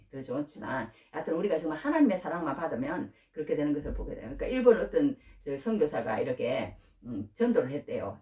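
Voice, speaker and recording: A woman pastor delivers a sermon in a loose, conversational way, often swinging up into high, emotional bursts. Her voice moves a great deal in pitch. The sound is roomy and echoey, picked up from some distance away. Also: darkish tone. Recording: roomy echo from far off.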